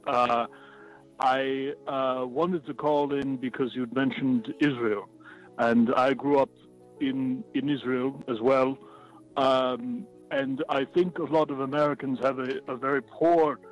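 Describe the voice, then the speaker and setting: A man calling in over a phone line to a radio talk show, speaking in a halting, hesitant way. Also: mid-range voice. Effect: heard over a phone line. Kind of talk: prank call to a talk show.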